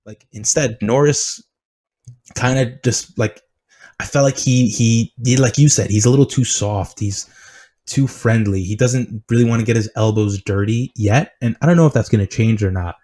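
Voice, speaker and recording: A man co-hosting a podcast, talking casually and with strong opinions, animated and dropping "dude" often. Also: medium pitch, normal speed, poor audio. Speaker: podcast co-host. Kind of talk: casual sports chat.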